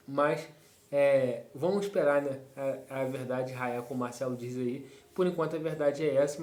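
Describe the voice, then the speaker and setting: A man's voice: fairly high pitch, darkish tone. A man hosting a football fan channel, talking through club news in casual commentary, rambling with fillers and tag questions. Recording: roomy echo.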